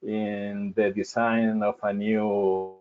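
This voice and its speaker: A man giving a webinar presentation over a video call, halting and restarting, his audio breaking up on a crackly line. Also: on the low side, level tone. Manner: halting, many fillers and restarts. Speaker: city council presenter. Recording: tinny phone-like call audio cutting out.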